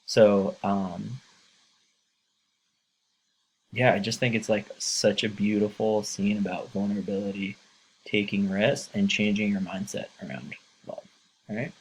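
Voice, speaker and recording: Earnest low-voiced male teacher. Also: little pitch movement, normal speed, a little hiss or hum, rough recording. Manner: earnest, with many fillers. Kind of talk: casual lecture.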